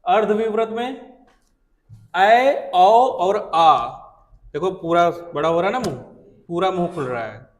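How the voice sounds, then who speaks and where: A man's voice: high-pitched, animated, fairly quick, big-room sound. A male teacher giving a classroom lecture, saying sounds aloud to show them and often asking whether the students follow.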